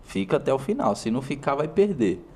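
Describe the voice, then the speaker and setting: A man's voice: medium pitch, very animated, fairly quick, a little mellow. A man with a Brazilian Portuguese accent hosting a motivational talk, speaking straight to the viewer in punchy, repeated short phrases. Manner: emphatic, speaks directly to the viewer. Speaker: host.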